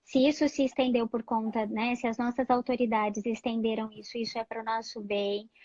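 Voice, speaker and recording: A woman psychologist speaking calmly and reassuringly in a live-stream chat, giving advice and often adding "né?". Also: fairly high pitch, moderate pace, dry recording, muffled recording. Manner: calm, reassuring, many "né?" fillers. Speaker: psychologist guest.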